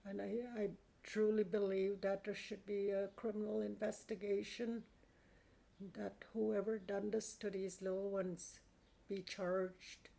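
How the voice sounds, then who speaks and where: A woman who survived residential school gives personal testimony in a low-key, gravelly voice. She speaks slowly, evenly and earnestly, halting with pauses as she goes.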